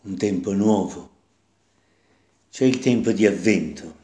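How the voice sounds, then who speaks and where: A man delivers a sermon as a priest, reading scripture and then reflecting on it. He speaks at a very slow, deliberate pace and circles back over his own phrases. The recording carries the echo of a church room. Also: on the low side, dark tone.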